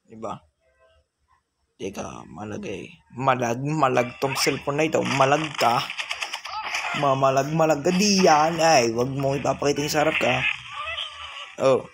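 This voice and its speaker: A man's voice: mid-range voice, moderate pace, gravelly, pauses often, slightly rough. A man with a Filipino accent giving casual commentary while playing a mobile game, chatting to himself and the game and mixing English with Tagalog. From Philippines. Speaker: gaming channel host.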